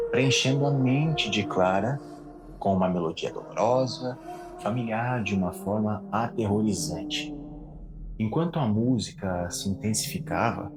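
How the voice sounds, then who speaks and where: A man giving a measured, dramatic scripted narration of a horror story. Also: lowish voice, slight background noise.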